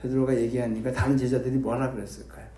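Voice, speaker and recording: A man's voice: medium pitch, flat delivery, fast talker, mellow, reverberant. A male pastor preaching a sermon, questioning the congregation and repeating key phrases for emphasis. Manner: emphatic repetition.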